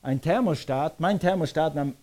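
A man preaching a lively sermon, acting out scenes as he speaks. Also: on the high side, normal speed. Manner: animated preaching, acts out scenes. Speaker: pastor.

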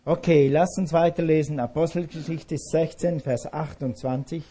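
A male pastor delivers a sermon with emphatic conviction, circling back to repeat his key phrases. His voice sits fairly high yet sounds dark and mellow. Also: fairly even intonation, moderate pace, breathy edge.

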